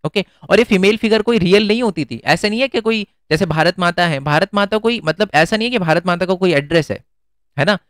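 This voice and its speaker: A man's voice: high voice, fairly quick, fairly bright tone, no room sound. A man teaching an exam-prep lesson in a casual, chatty way, often asking questions and answering them himself.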